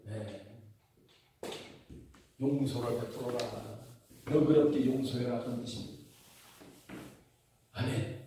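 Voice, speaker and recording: A male pastor preaching a sermon in a church, asking the congregation questions and building to loud emphatic declarations. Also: medium pitch, slow, long pauses, background noise. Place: church sanctuary. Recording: very echoey church hall, mic far off.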